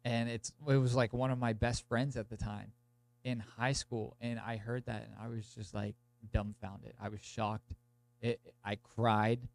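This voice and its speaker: A young man with a cold, congested, blocked nose and sore throat, introduces a podcast episode in a casual, meandering monologue peppered with "like". His voice is mid-range and creaky, level in tone, and a little slow.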